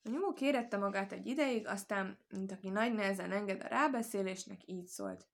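A woman reading a folk tale aloud as storyteller, calm and measured. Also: mid-range voice, creaky.

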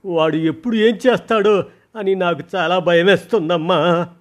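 A man voicing a frightened, tearful teenage schoolgirl who pleads in a high, strained voice. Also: steady tone, moderate pace, close to an everyday voice. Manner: sobbing, pleading, high-pitched.

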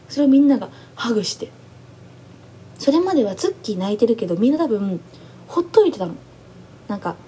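A woman's voice: on the high side, breathy edge. Gushing young woman recapping a show. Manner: gushing, animated, acts out quotes. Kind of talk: excited casual recap chat.

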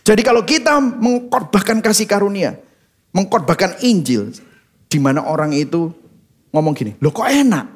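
A man preaching a sermon as pastor, animated, leading the congregation in reading and dropping in English phrases. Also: high-pitched, normal speed. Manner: mimics congregants' reactions in quoted asides.

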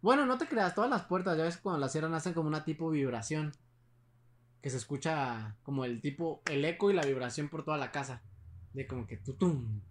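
A young man with a Mexican accent tells a spooky story to a friend, rambling and full of slang. He restarts his sentences often. His voice sits a little high for a man. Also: fairly quick, a little hiss or hum. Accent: Mexican Spanish. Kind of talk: casual chat, telling a ghost story.

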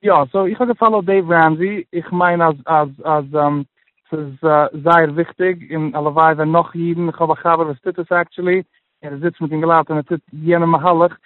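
Male interview guest, higher-pitched, hesitant with lots of restarts and English mixed in, phone-line quality. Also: steady tone, no echo. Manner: halting, many restarts, mixes in English phrases. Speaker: guest sharing his personal budgeting story. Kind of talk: casual interview chat.

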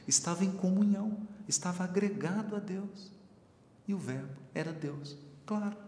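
Lively gravelly-voiced male teacher. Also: fairly high pitch. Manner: explains with everyday examples and questions to listeners. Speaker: Bible study teacher. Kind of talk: spiritual teaching talk. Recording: echoey hall with faint room noise.

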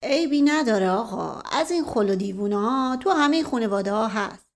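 A chatty, pious old mother who gushes and pours out her feelings, as a woman narrator puts her on. Her voice rises high and lively as she talks. She is a character in a spoken audiobook. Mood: gushing.

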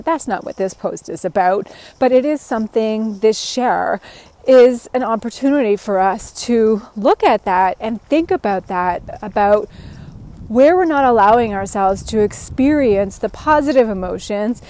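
A woman talking into her phone while walking a trail outdoors, reflecting earnestly and laughing softly now and then. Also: on the high side, lively intonation, measured pace. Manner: earnest, musing, with frequent soft laughs. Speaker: podcast host. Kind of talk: reflective walk-and-talk monologue. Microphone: phone held while walking.

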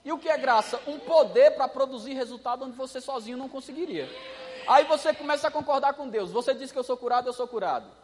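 A man preaching a sermon, telling a story in an animated way and acting out the voices. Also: very high-pitched, fast talker, long reverb tail, a little hiss or hum.

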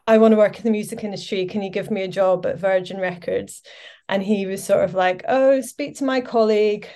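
A Scottish woman in her forties, guesting on a podcast, tells her story in a casual interview chat laced with fillers. Her voice is medium-pitched and a little mellow.

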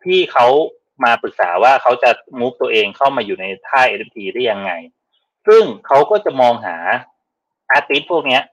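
A man speaking as a guest on a panel, in casual and animated talk, often repeating words as he gets excited. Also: mid-range voice, moderate pace, muffled recording.

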